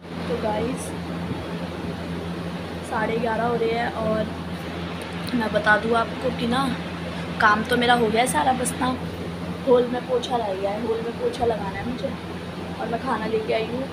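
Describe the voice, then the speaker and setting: A woman's voice: a little high, level tone, measured pace, long pauses, very noisy. A young woman chatting casually to her viewers in a home vlog, talking about chores and her day. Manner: chatty, talks to viewers as guys. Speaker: vlogger.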